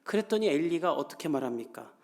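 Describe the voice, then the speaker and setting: A male pastor delivers a Sunday sermon in a somewhat high voice. He talks to the congregation in a chatty way, acts out the voices he quotes, and climbs to emphatic peaks. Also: lively intonation, fast, a little mellow. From South Korea.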